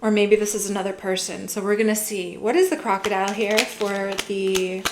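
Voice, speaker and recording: A young woman giving a casual tarot reading, musing gently and filling her talk with "like" and "you know". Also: medium pitch, fairly even intonation, moderate pace, noisy background. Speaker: tarot reader.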